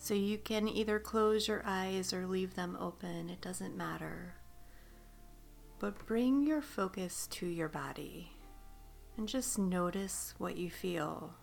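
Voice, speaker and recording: Slow, soothing woman with a gravelly low voice. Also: faint music behind. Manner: slow, soothing, drawn-out phrasing with soft whispered stretches. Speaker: meditation guide. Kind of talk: guided meditation.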